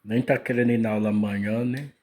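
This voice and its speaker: A man's voice: fairly low pitch, fairly even intonation, fast, a little mellow. A man with a Brazilian accent chatting casually as a vlogger, in a slangy, teasing way. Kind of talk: casual chat.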